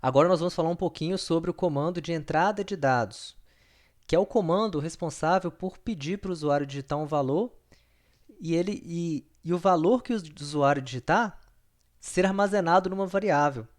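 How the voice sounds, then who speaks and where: This man's voice is on the high side and brisk as he teaches a recorded screen-share programming lesson. He stays patient, repeats himself, and regularly checks in with his students.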